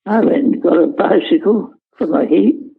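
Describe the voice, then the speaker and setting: An elderly man, a war veteran, remembering in an interview in a halting, understated, matter-of-fact way with searching pauses. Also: high voice, gravelly, breathy edge, phone-quality sound. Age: elderly, 90s. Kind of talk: unscripted interview reminiscence.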